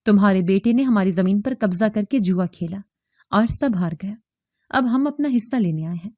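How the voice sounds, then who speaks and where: A woman voicing a group of rough, threatening men who demand money at a door in a spoken story. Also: mid-range voice, expressive, mellow, no echo, clean studio sound, close to an everyday voice. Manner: demanding, mocking.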